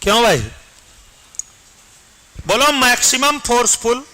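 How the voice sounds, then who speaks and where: A man's voice: very high voice, takes it slowly, bright, forceful tone, slight background noise, low-quality recording. A man teaching a biology exam-prep class, dictating notes and asking his students questions.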